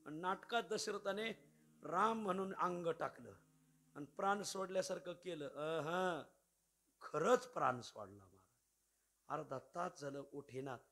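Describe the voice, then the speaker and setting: A man preaching a devotional story in a sermon, lively and repeatedly addressing his listeners as Maharaj. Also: high-pitched, measured pace, vocal fry. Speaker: kirtan preacher. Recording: musical accompaniment behind voice.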